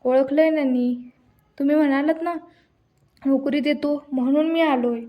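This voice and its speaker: A woman's voice: sits high, fairly even intonation, normal speed, highs cut off, close to an everyday voice. A woman voicing a humble young village man who pleads insistently for a job, read in her own voice. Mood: pleading.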